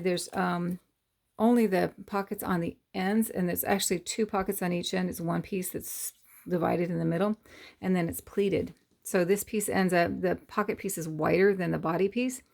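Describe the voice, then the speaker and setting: This sewing channel host is a middle-aged woman whose voice sits on the low side and is hoarse because she has lost it. She talks through a casual tutorial, wandering and hesitating through her steps with plenty of filler words.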